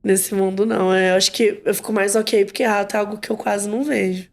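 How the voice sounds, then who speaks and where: Woman, Brazilian Portuguese accent, podcast host, casual chat, lively storytelling. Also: medium pitch, fast talker. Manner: animated storyteller, acts out quotes.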